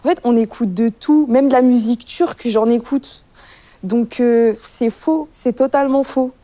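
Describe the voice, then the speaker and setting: A woman's voice: a little high, moderate pace, dark tone. A woman of twenty from France, a history student, speaking emphatically and laughing easily in a group discussion. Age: 20s.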